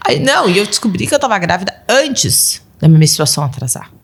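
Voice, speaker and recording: A woman's voice: medium pitch, big pitch swings, quick pace, breathy edge. A woman in her thirties, a podcast guest and mother of twelve, telling casual stories and acting out her children's voices with frequent laughs. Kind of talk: casual storytelling interview.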